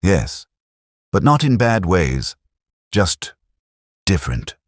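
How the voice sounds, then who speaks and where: A man's voice: deep voice, sing-song, slow pace, no echo, clean studio sound, full character voice. A man voicing a reserved young American soldier who answers briefly. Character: quiet young male American private.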